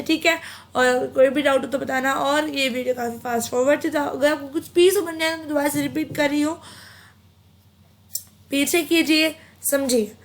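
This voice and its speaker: A woman giving a casual online French lesson, chatty and repeating each word slowly for pronunciation, mixing Hindi with English phrases. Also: high voice, fairly bright tone, slight background noise. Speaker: French teacher.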